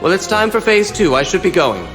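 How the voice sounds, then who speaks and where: A man's voice: high voice, very animated, fairly quick. A man voicing a theatrical, scheming villain in an anime dub, formal and suave. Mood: smug, calm. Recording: long reverberant hall, music behind.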